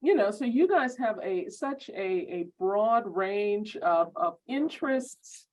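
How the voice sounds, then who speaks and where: A woman giving welcoming remarks at an online orientation on a video call, halting with many ums and repeated words. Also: medium pitch, expressive, a little mellow. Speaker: law school program administrator. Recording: muffled video-call audio.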